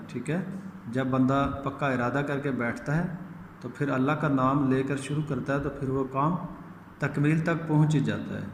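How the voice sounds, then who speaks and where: Patient man teaching in an echoey room. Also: on the high side. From Pakistan. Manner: patient, repeats checks, draws out letter sounds in chanted recitation. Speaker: Quran reading teacher. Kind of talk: recorded lesson for young children. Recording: echoey room with long reverb, faint hiss.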